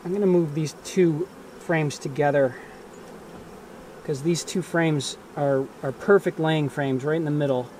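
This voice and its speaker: A man in his forties who vlogs about beekeeping walks through a hive inspection in a grassy bee yard, speaking casually and partly to himself. His voice sits on the high side yet has a darkish tone, steady and unhurried, with slight background noise and insects buzzing around him.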